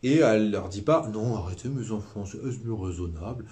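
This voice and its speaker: A man's voice: lowish voice, normal speed, mellow. A man with a Southern French accent giving a casual spiritual talk, rambling and hesitant, full of fillers and repeated words. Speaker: religious brother giving a live talk.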